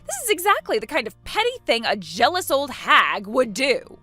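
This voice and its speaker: Bratty younger sister in her twenties, woman actor, mocking and sneering, bright lively delivery, text-story drama. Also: high voice, moderate pace, dry recording, soft background music, full character voice. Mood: accusing. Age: 20s. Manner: mocking, laughs at others. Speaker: character in a voiced text story. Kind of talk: voice acting for a text-message story.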